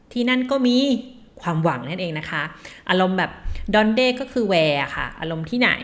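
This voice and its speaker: A woman from Thailand teaching Spanish vocabulary in a casual, chatty way, reading example phrases slowly and laughing at her own slips. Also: fairly low pitch. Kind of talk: casual language lesson.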